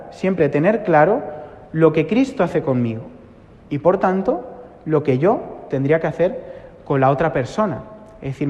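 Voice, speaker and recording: A man's voice: fairly high pitch, darkish tone, muffled recording. A male priest giving an earnest sermon, repeating phrases for emphasis. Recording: long church reverb.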